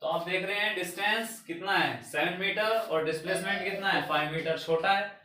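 A young male physics teacher gives a whiteboard lecture in a small room, questioning his class and answering himself in mixed Hindi and English. His voice is high-pitched, bright and forceful at a moderate pace. A camera a few meters away catches him from far off in a very echoey room.

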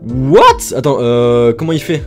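A young man races through an excitable, jokey reaction commentary, chatting directly to his viewers. His pace is quick, and faint music runs underneath. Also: medium pitch. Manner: excitable, jokey, talks to viewers as "les gars". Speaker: YouTuber.

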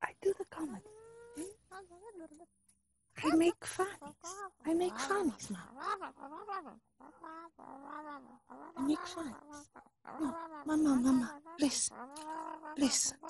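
A woman's voice: high-pitched, lively intonation, unhurried, long pauses, crowd noise. A woman playing a self-styled fake Russian spy in a comedy sketch, speaking broken English in a put-on Russian accent, whispering conspiratorially and pleading with her mother on the phone.

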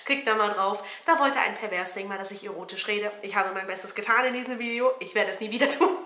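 A woman's voice: mid-range voice, fast talker, pushed and bright. A woman beauty vlogger chatting casually at home about products she has used up, cheeky and jokey, swearing casually. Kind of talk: casual product review chat. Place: at home indoors. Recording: roomy echo, faint noise.

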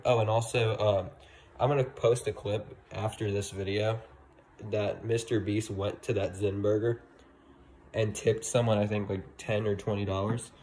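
A man's voice: lowish voice, a little mellow, a little hiss or hum, rough recording. A teenage boy vlogging casually on a phone he holds at arm's length, rambling with lots of fillers, walking outdoors at a mall at night. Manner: rambling, filler-heavy, upbeat sign-offs. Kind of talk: casual vlog narration. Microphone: phone held at arm's length.

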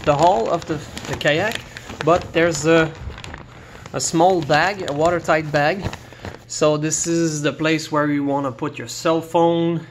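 Camera in hand, a man gives an informal walkthrough of a kayak he's standing next to indoors. English is not his first language; his slightly high voice stumbles along with frequent fillers and false starts as he reviews it.

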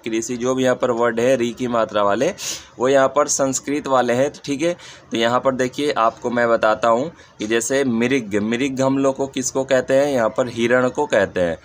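A man's voice: medium pitch, a little hiss or hum. A man giving a patient reading lesson, sounding out letters and often asking what they become. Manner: patient, repeats "ठीक है" and asks "ये क्या हो जाएगा". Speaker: Hindi reading teacher.

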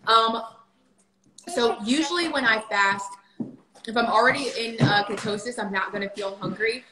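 A woman in her thirties chats casually on a livestream from her home kitchen, fielding viewer questions with plenty of fillers. Her voice sits fairly high and moves at a moderate pace. The phone camera on the table picks up a roomy sound with background noise.

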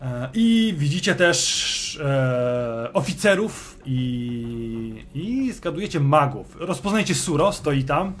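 A man's voice: medium pitch, big pitch swings, slow pace. A man acting as game master, casually describing the scene to his players in the second person, loose and hesitant. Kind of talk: casual narration of a tabletop role-playing game.

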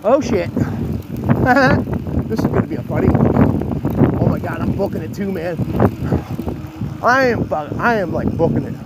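A man in his fifties vlogging from his bicycle in the rain, talking into his phone in an earnest, rough-spoken ramble full of restarts. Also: high voice, animated, measured pace, long pauses. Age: 50s. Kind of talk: rambling religious talk to camera. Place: outdoors, riding a bicycle in the rain. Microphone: phone held while riding. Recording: wind noise and rain hitting the phone mic.

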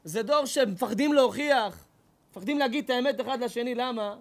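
A man, a rabbi, giving a lively sermon, animated and swinging between loud outbursts and low mocking tones. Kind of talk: lively sermon with acted quotes.

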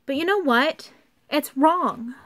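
A young woman giving an earnest, somewhat halting rant to camera from a basement, partly reading from her notes. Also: sits high, lively intonation, fairly bright tone. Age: young adult. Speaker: vlogger. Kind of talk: informal video rant, partly read from notes. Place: unfinished basement used for storing workout equipment.

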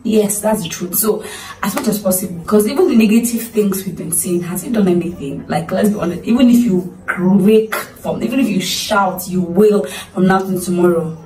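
A woman's voice: mid-range voice, normal speed, a little mellow, reverberant, far from the mic, a little hiss or hum, rough recording. A Nigerian woman with a Nigerian accent, earnestly urging her listeners in a motivational talk, pleading and repeating herself for emphasis. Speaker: vlogger.

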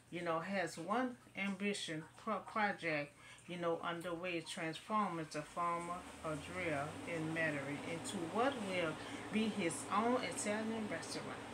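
A middle-aged woman gives casual, rambling commentary on local news to the webcam in front of her, in her bedroom, and keeps saying "you know." Her lowish voice is a bit bright and unhurried. The recording is rough, carrying a little hiss or hum.

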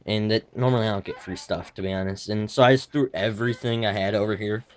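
A man's voice: on the low side, quick pace. A teenage boy with a slightly lispy voice from his retainer, giving an offhand, wandering tour of his bedroom gaming setup on a handheld camera. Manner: offhand, wandering, self-correcting asides. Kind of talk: casual rambling room tour.

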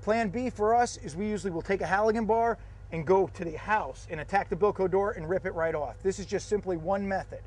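A man with a high-leaning voice walks through a hands-on fire drill outdoors. His delivery is practical and methodical, laying out each step of the technique. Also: brisk, a little mellow, slight background noise. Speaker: fire service instructor. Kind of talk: instructional demonstration.

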